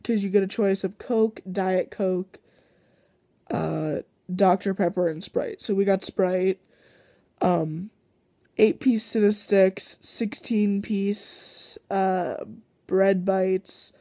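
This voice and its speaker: A sick teenage girl vlogs casually about her day, rambling slowly with lots of ums and restarts. Her mid-range voice is mellow and a little stuffy from congestion, recorded dry and close without room echo.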